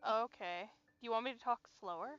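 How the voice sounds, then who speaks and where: A woman in her twenties chatting casually on a gaming stream, talkative and quick to laugh, filling her talk with "like". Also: fairly high pitch, a bit bright, dull audio, soft background music. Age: 20s. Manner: chatty, laughs easily, lots of "like".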